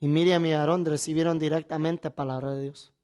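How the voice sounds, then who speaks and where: A male preacher delivers a Bible teaching sermon, phrasing his points deliberately and emphatically with rhetorical questions and repetition. His pitch is fairly high, his tone level and somewhat dark.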